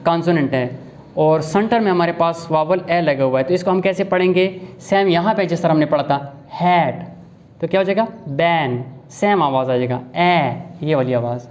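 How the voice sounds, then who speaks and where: A man teaching a recorded language lesson as an English teacher, speaking deliberately and repeating example words to drill them. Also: high-pitched, muffled recording, slight background noise.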